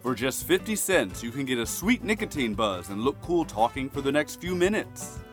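A man playing a brash, slick street hustler pitching loose cigarettes in a comedy sketch. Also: very animated, normal speed, soft background music, close to an everyday voice. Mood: slick, persuasive. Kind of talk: comedy sketch acting with sales patter.

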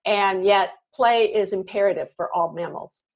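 A woman's voice: medium pitch, normal speed, gravelly. A woman hosting a casual conversation, reflective and rambling, with many fillers. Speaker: host. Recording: dull lo-fi sound.

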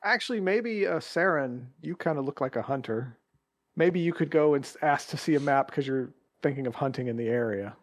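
A man's voice: on the high side, a little fast, no room sound. A man playing a tabletop role-playing game, talking in an easygoing way and laughing often. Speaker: player. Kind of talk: casual game table chat.

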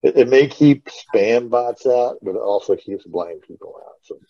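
Over dull, lo-fi online call audio, a middle-aged man hosting a podcast rambles through informal stories of the past. His voice is mellow and medium-pitched, his pace moderate, and the recording dry.

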